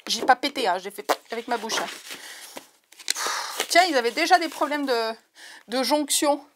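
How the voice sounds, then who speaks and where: Her voice sits high and animated at a normal speed as she chats with viewers on her crafting vlog, wearing a headset. She's overexcited about the unboxing, heart pounding, gushing and repeating things. A little hiss or hum runs through the audio.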